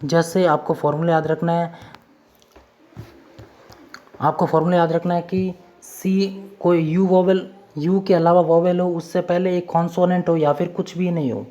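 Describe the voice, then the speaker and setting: A woman's voice: lowish voice, level tone, normal speed, dark tone, muffled recording. A woman teaching English spelling rules in a patient, repetitive lesson, going over each formula step by step. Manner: repetitive, drills formulas step by step, addresses viewers as friends. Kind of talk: classroom-style lesson explaining rules.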